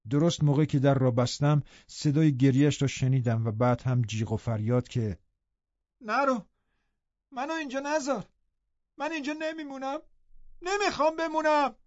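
A man reads a novel aloud in calm, measured first-person narration. His voice is mellow and dark, and the recording is dry and dull, with a lo-fi edge. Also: mid-range voice, dry recording. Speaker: audiobook narrator.

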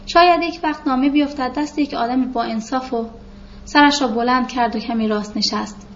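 A woman reading a literary novel aloud in a calm, measured storytelling voice, on a dull lo-fi recording with faint hiss. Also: high-pitched. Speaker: narrator. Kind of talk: literary audiobook narration.

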